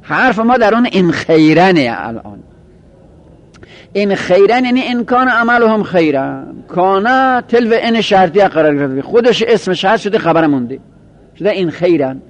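A man lecturing a grammar class, patiently explaining and slowly drawing out example phrases as he repeats them. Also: high voice, very animated. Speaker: Arabic grammar teacher. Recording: dull lo-fi recording.

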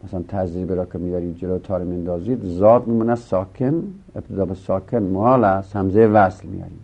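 A man's voice: low-pitched, gravelly, dark tone. A man teaching Arabic grammar in a lecture, explaining each rule step by step and answering his own questions. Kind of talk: classroom lecture. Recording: dull lo-fi recording.

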